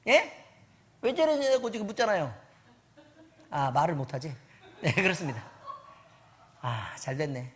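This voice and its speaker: A woman's voice: low-pitched, big pitch swings, measured pace, long pauses, a little hiss or hum. A woman pastor preaching at a church service in a teasing, conversational way, constantly quizzing the congregation with questions. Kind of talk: sermon.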